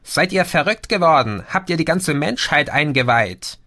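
A man voicing a haughty, bossy female red insect alien with a shrill, snappish way of speaking. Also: lively intonation, moderate pace, sharp tone, no room sound, studio quality, full character voice. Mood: shrill alarm.

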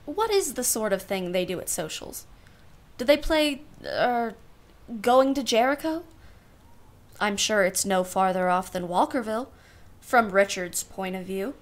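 Playing a genteel society aunt in a radio play, this woman uses a medium-pitched, animated voice at a measured pace, near her everyday speaking voice. The character is wry and privately exasperated; the delivery is arch, formal, guarded and dryly ironic.

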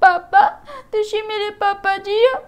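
A woman's voice: extremely high pitch, flat delivery, measured pace. An actress playing a young woman whose mind has become childlike, stubborn and whiny. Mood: lost, pleading.

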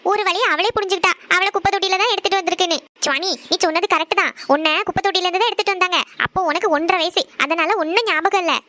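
A woman's voice: very high-pitched, rapid-fire, hardly any pauses, bright, forceful tone. A woman voicing a teasing, mischievous older college-girl sister. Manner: teasing, playful.

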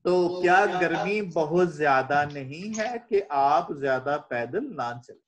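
A man's voice: on the high side, lively intonation, slow pace, a crowd in the background. A middle-aged man from Pakistan giving an English lecture in Urdu, quizzing students and translating line by line. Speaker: English teacher.

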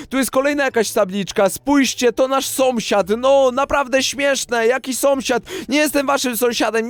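High-voiced, excitable young gaming guy. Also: clean tone, no room sound. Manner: animated, swings from whiny to shouting. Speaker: Minecraft YouTuber.

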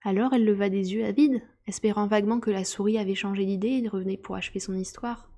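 A woman reading a children's novel aloud at a steady pace, with small restarts now and then. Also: medium pitch, fast.

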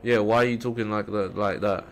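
A man's voice: on the low side, fairly even intonation, brisk. A male streamer trash-talking opponents, taunting and insulting them with scornful repeated questions. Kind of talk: live-stream trash talk. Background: game music.

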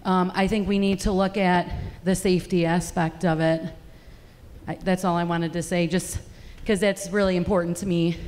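A woman's voice: on the low side, level tone, moderate pace, darkish tone. A woman, a school board member and parent, making an earnest comment at a public meeting. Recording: long hall reverb.

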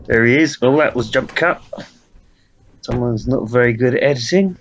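A man's voice: mid-range voice, moderate pace, lo-fi sound, slight background noise. A man giving an improvised, mocking director's commentary, rambling with many hesitations. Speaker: video commentator.

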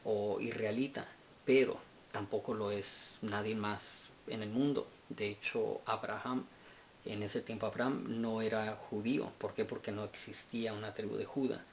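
Lowish halting man teaching Bible study. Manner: halting, repeats words while searching notes. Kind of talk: unscripted Bible study talk. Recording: dull lo-fi sound with faint hiss.

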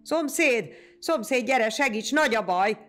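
A woman voicing a huge old male goat farmer who hollers in a booming voice. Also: wildly swooping pitch, creaky, soft background music, exaggerated voice. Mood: alarmed. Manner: loud hollering calls.

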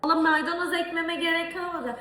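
A young woman from Turkey telling a story in a casual cooking vlog, animated and exasperated. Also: very high voice, brisk, echoey room, slight background noise. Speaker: vlogger. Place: home kitchen.

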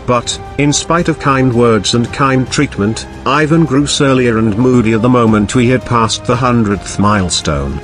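A man reading an audiobook aloud in a measured, old-fashioned storytelling manner. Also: mid-range voice. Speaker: audiobook narrator. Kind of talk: scripted audiobook narration.

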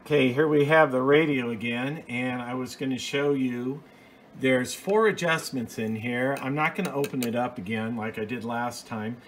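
A hobbyist video host explains something in an informal, hands-on way, plain-spoken and methodical, recorded at home on an off-camera phone. His voice is medium-pitched and a bit bright, with a faint hiss or hum.

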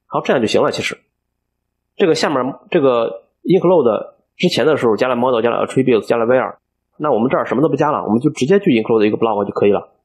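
Husky-voiced man teaching code. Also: medium pitch, animated, quick pace, darkish tone. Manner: explains step by step, thinking aloud with frequent fillers. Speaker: programming instructor. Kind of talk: screen-recorded coding tutorial.

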